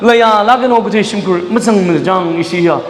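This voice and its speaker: A man's voice: high voice, quick pace, slight background noise. A man preaching a sermon in a church, dropping English words into his talk. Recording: echoey church hall, mic at a distance.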